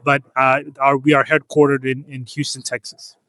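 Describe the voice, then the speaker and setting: A man's voice: mid-range voice, completely flat delivery, moderate pace, a bit bright, no echo. A man from Ethiopia, a comics publisher, answering interview questions in an earnest, casual way, often restarting phrases. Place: comic convention floor.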